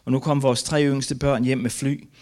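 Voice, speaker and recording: An older man from Denmark, a missionary giving a testimony, reads aloud from his own memoir in an earnest, grief-laden and halting way. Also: mid-range voice, level tone, darkish tone.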